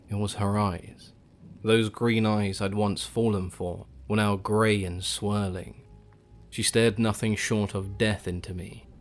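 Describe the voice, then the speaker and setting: A man with a very low, deep voice narrates a first-person horror tale. His delivery is grim and hushed, building dread line by line. Soft music plays underneath. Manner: grim, hushed storytelling with shouted outbursts.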